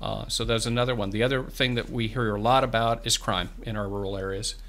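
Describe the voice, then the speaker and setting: Fairly low yet a bit bright, his steady voice moves at a brisk clip. He's a farm bureau guest in his fifties sitting in a small radio studio at a boom-arm microphone with headphones, earnestly walking through programs and frequently restarting his words.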